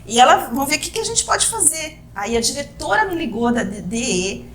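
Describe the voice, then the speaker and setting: A Brazilian woman co-hosting a casual podcast, telling a personal story with lively acted-out quotes. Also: sits high, a little fast, crowd noise. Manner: animated storytelling, acting out quoted speech.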